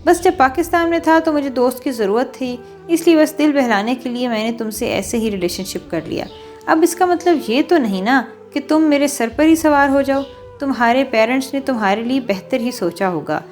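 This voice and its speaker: A blunt, dismissive young man from an audio novel, put on by a woman reader. His voice sits a touch high and carries firmly, pushed up above the reader's own. Faint music runs underneath. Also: natural voice. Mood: cold.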